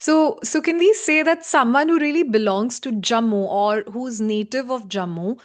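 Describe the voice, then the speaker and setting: A woman's voice: a little high, normal speed. A woman with an Indian accent hosting a conversational interview, encouraging her guest and feeling her way through her phrasing. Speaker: interviewer, host.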